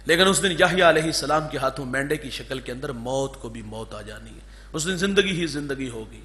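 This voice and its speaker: A man preaching an Urdu sermon, moving between loud fervor and hushed storytelling. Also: medium pitch, animated. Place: mosque gathering, over a sound system.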